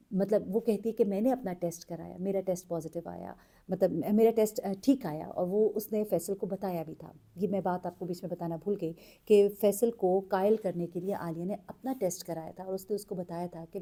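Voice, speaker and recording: A woman narrating a true story in an earnest, unhurried way, pausing with fillers as she goes. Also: lowish voice, dark tone. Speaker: storyteller host.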